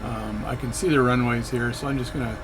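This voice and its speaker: Playing a flight sim, a video creator talks through his session in a loose, rambling way, frequently stopping to correct himself partway through sentences. He speaks a little fast in a mid-range voice with fairly even intonation, over a noisy background.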